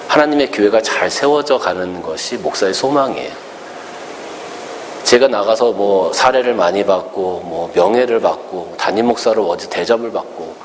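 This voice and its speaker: Animated pastor preaching in a hall. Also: male voice, lowish voice, slight background noise. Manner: animated, acts out the characters' words. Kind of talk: storytelling sermon.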